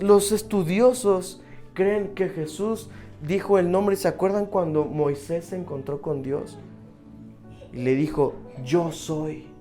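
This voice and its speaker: A male preacher delivers a sermon at an unhurried pace. His voice is dark and mellow, and he keeps turning to his listeners with quick rhetorical questions. Soft music plays faintly underneath. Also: fairly high pitch.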